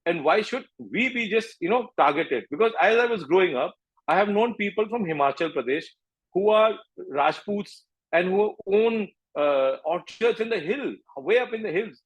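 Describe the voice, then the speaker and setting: A man's voice: high voice, lively intonation, moderate pace, slightly rough, rough recording. A middle-aged man from northeast India with an Indian accent, speaking emphatically as an interview guest, repeating points and slipping into Hindi phrases. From Manipur, northeast India. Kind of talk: impassioned political interview talk.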